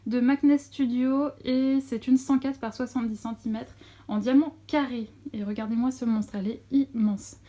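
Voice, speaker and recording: Young woman vlogger, slightly high and mellow voice, chatty with lots of fillers, filming on a phone at home. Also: steady tone, normal speed. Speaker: crafts vlogger. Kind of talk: casual unboxing chat. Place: at home near a window. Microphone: phone camera.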